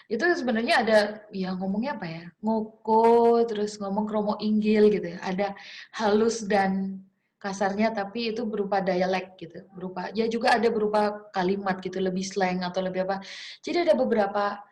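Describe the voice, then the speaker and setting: A woman's voice: medium pitch, fairly even intonation, fairly quick, darkish tone. A young woman teacher gives an informal class lecture, talking in a chatty, encouraging way with many fillers and restarts. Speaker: English teacher.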